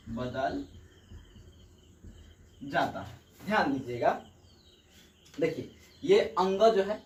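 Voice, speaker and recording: A man teaching a grammar lesson at a whiteboard. He goes step by step, repeats key points and keeps asking the students check questions. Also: sits high. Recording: echoey room, mic far off, birds outside.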